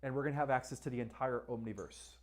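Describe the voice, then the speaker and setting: A man's voice: mid-range voice, quick pace. A man with a Spanish accent hosting a live-stream question-and-answer session, talking emphatically and often checking in with "all right" and "right?". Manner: asks viewers to like and share. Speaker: livestream host.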